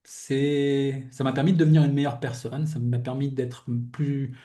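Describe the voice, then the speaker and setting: A man's voice: mid-range voice, fairly even intonation, moderate pace, warm tone. A young adult man hosting a podcast, talking in a casual, reflective way as he shares personal thoughts with a guest, rambling and often restarting his sentences. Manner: reflective, rambling, fills with "tu vois". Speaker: podcast host interviewing a guest. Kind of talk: casual heartfelt conversation.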